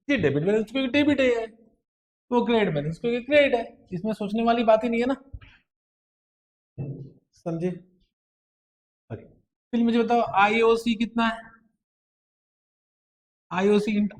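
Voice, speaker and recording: A man from India teaching an accounts lecture, coaxing students with constant questions and mixing terms into his talk. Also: high voice. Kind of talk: classroom lecture.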